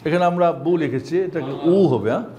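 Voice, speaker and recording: A Bangladeshi Bengali man teaches adult students to read Arabic letters, chanting each spelling in a sing-song drill. His voice sits high for a man. Other students can be heard clearly around him in the class. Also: quick pace, crowd noise. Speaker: Quran reading teacher.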